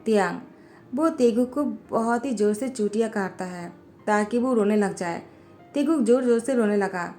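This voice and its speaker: A woman reading a fan fiction story as a voiceover, narrating in a plain, steady way, with faint music behind her. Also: medium pitch, normal speed. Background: faint background music.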